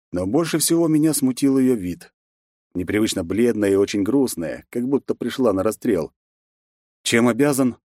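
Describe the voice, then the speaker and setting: A man reading a first-person novel aloud, harsh and forceful in the hero's lines. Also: on the low side, no room sound, studio quality. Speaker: audiobook narrator.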